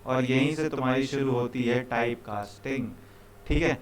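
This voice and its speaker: In a steady, mid-range voice at normal speed, an Indian instructor leads students through a live programming session. The tone is casual and chatty: he keeps checking in, encourages them, calls them brother, and says "ठीक है" and "भाई" again and again.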